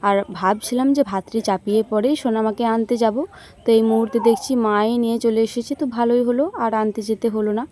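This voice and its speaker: A woman's voice: a little high, fairly even intonation, fast talker, dark tone. A woman vlogger chatting casually to viewers about her day, sounding tired. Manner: chatty, addresses viewers directly. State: tired, sore legs. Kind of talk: casual vlog narration.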